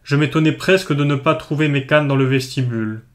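Man reading a story in measured tones. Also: mid-range voice. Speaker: narrator. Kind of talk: literary audiobook reading.

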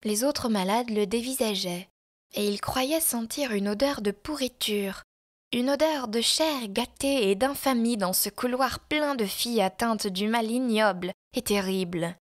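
A woman reading a classic story aloud as narrator, in measured, expressive storytelling. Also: fairly high pitch.

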